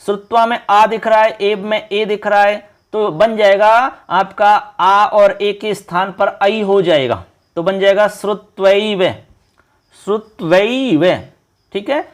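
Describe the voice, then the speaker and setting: A man's voice: high voice, steady tone, slow pace. A man teaching an online Sanskrit exam-prep lesson, quizzing viewers as friends and repeating each point. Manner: repetitive explaining, Hindi mixed with English terms.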